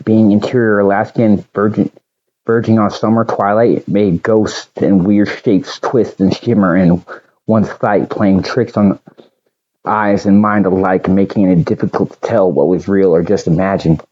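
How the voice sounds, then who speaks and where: A man reads a bedtime-style story aloud in a measured, slightly halting way. His voice sits low and mellow. The recording is muffled and lo-fi. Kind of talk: storybook audiobook narration.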